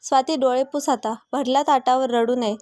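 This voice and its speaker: A woman voicing a kind, motherly older village woman who speaks gently and coaxingly. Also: high-pitched, steady tone, moderate pace, no room sound, clean studio sound, lightly acted. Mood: gentle.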